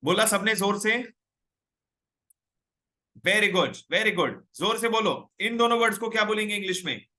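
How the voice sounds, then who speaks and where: A man's voice: high voice, measured pace, long pauses, pushed and bright. A young man teaching English in a live online class, coaxing students to speak up and reading out their names and comments. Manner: reads out viewers' names and comments.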